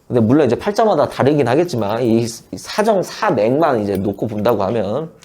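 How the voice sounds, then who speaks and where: A man's voice: medium pitch, very animated, darkish tone. Blunt, slangy Korean man lecturing. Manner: blunt, slangy, swears, acts out quick quoted exchanges. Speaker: saju teacher. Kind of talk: casual lecture.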